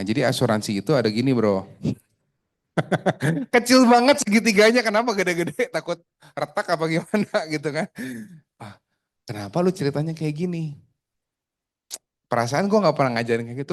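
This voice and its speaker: Man, sales trainer, chatty, joking, quizzes his audience. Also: medium pitch. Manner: joking, chatty, asks the room questions. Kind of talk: casual training talk to a group.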